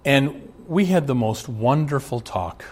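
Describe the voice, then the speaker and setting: A man's voice: mid-range voice, expressive, a little slow, a little mellow. A middle-aged man from Omaha preaching a sermon as pastor, speaking earnestly and addressing fathers directly with rising emphasis. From Omaha, USA.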